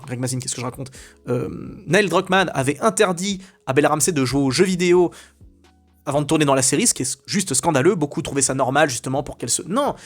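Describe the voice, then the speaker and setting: A man giving opinionated, casual commentary as a video host, ranting with many fillers and restarts. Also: on the high side.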